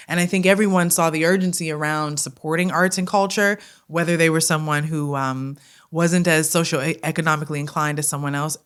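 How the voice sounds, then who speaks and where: Low-pitched with a fairly bright tone, a Detroit woman who runs a theatre company talks as an interview guest. Her Detroit accent comes through as she speaks earnestly and smoothly in the casual chat, checking in with "right?" along the way.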